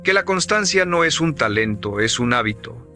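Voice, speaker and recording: A man giving scripted motivational narration in an emphatic, measured, preaching cadence. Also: mid-range voice, animated, pushed and bright, faint music behind.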